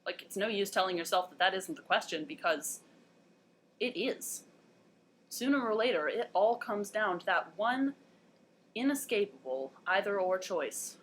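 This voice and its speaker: A woman's voice: medium pitch, lively intonation, unhurried, slight background noise. A young woman hosting a casual educational vlog, chatty, playful and enthusiastic. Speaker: host.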